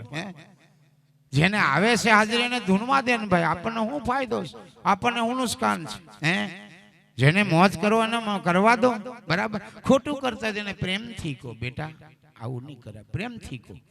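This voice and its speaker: A man preaching at a live devotional gathering. His voice is bright and forceful and sits a little high. He moves between loud exhortation and quiet asides, pressing the crowd with rhetorical questions. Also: gravelly. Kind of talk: village sermon with stories.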